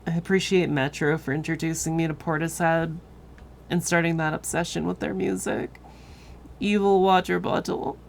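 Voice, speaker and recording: A woman streamer chatting casually with her viewers, tired and relaxed, swearing now and then. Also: deep voice, normal speed, gravelly, slight background noise. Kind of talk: casual chat with live viewers.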